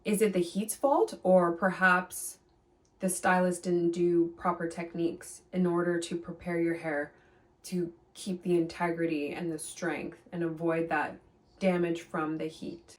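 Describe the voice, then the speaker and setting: A woman's voice: lowish voice, fairly even intonation, unhurried, distant mic. A woman giving hair care advice in a vlog, speaking in an emphatic, reassuring coaching tone that repeats key points. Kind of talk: direct-to-camera advice vlog.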